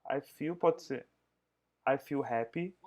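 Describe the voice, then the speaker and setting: A male teacher running an English review class over a video call, his pitch sitting mid-range for a man. He moves between explanations and slow, careful English words for students to repeat. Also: a little mellow. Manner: mixes English and Portuguese, drills pronunciation slowly.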